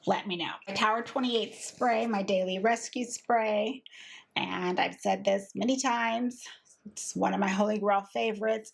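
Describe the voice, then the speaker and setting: A woman in her thirties, a beauty vlogger, chatting casually and candidly about products she has used up, with a husky voice. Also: mid-range voice. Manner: chatty, candid, frequent fillers and restarts. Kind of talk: casual product review chat.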